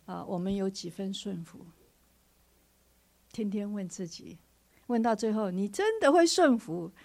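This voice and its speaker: Soft-spoken woman hosting. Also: medium pitch, lively intonation, a little slow, gravelly. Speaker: host of a church sharing session.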